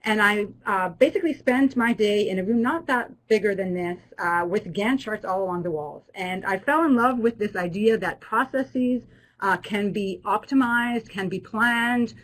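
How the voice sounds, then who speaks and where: A woman's voice: mid-range voice, normal speed, a bit bright, low-quality recording. A woman professor who grew up in Israel, hosting an online alumni webinar in a friendly way with many fillers and restarts. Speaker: business school professor.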